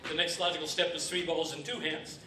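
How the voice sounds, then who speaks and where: Over a noisy crowd, a man with a voice on the high side delivers flat, slightly fast patter while performing live comedy juggling and magic on stage. He plays a playful, mock-befuddled kids party magician before a live audience. The recording is noisy, echoey, and captured from a distance.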